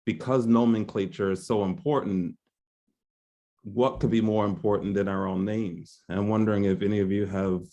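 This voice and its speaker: A man moderating a panel discussion on a video call, talking in a searching, halting way with many restarts. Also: lowish voice, fairly even intonation, mellow, muffled recording.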